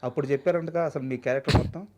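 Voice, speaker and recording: Fast-talking male interviewer. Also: mid-range voice, darkish tone. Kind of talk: interview questions.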